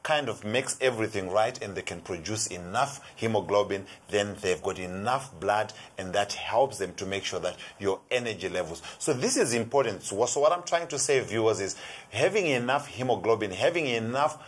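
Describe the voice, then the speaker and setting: Middle-aged South African man on a studio shopping show; his voice sits low and sounds a touch husky. He explains with eager energy, looping through "you know" as he builds each point. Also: lively intonation, moderate pace. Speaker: resident health expert. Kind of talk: TV shopping product talk. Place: TV studio set.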